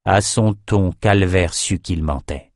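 Brief: male audiobook narrator, lowish voice, dry close sound, steady dramatic delivery. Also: moderate pace, no room sound. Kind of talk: scripted narration.

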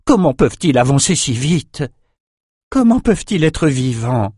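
A man's voice: fairly high pitch, big pitch swings, unhurried, dark tone, breathy edge, no echo, clean studio sound, voice pushed up, heavily acted. A man voicing an alarmed knight, tense and questioning.

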